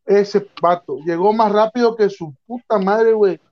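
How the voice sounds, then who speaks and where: A man's voice: high voice, moderate pace. Slangy young man telling a story. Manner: slangy, animated, acts out voices in his story. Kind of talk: casual storytelling chat. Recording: dull lo-fi sound.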